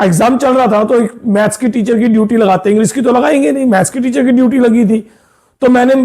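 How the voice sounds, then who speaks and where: In a classroom grammar lesson, a man teaches English to school students, patiently explaining, repeating key points, and often checking that they keep up. His voice is high and a little mellow.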